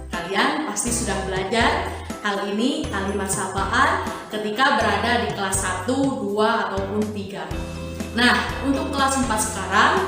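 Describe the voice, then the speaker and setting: A woman with an Indonesian accent, teaching a recorded lesson in a slow, sing-song way with long pauses. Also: mid-range voice, distant mic. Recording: heavy room echo, faint background hiss.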